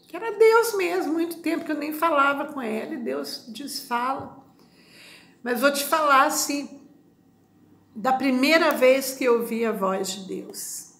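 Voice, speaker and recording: Woman pastor, testimony sermon, animated storyteller, higher voice, echoey room. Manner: animated storytelling with quoted dialogue.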